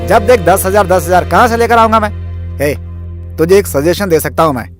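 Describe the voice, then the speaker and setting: A man's voice: high-pitched, brisk, faint music behind, lightly acted. A man dubbing a brash, boastful young wheeler-dealer in a Hindi film dub. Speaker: scheming friend. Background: film score.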